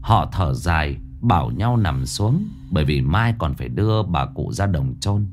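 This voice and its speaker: A man's voice: sits low, sing-song, measured pace, a little mellow, slight background noise. A man narrating a scripted ghost story in a dramatic, suspenseful way. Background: faint background music.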